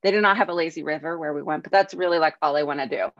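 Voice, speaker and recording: A woman's voice: sits low, racing, no echo. A tired woman co-hosting a screenwriting podcast in casual, chatty talk. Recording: dry, slightly dull audio.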